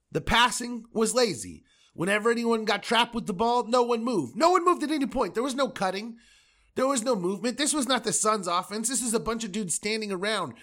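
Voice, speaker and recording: A man hosting a podcast, delivering an angry, profane solo rant that swings between loud outbursts and low muttering. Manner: angry, profane, repetitive ranting. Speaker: podcast host.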